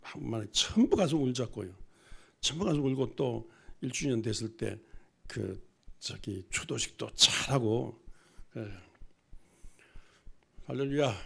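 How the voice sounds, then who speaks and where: A middle-aged pastor preaches a sermon in a church, folksy and emphatic, now and then imitating loud wailing cries. His voice is gravelly and rough with a husky, breathy edge. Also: medium pitch, lively intonation, unhurried, pauses often. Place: church sanctuary.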